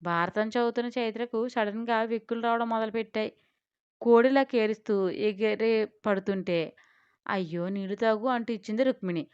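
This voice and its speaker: A woman narrating a family drama audiobook in a steady, expressive reading. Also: a little high, a little fast, clear, resonant tone, no room sound. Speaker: storyteller. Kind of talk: scripted story narration. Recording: slightly dull lo-fi sound.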